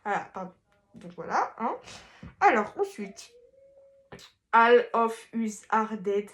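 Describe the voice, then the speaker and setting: A woman vlogger talks through a face mask, so her voice comes out muffled. She speaks slowly in a fairly high voice, rambling and hesitant, with playful self-mocking asides. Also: very animated. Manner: rambling, hesitant, lots of fillers and restarts. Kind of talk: casual chat.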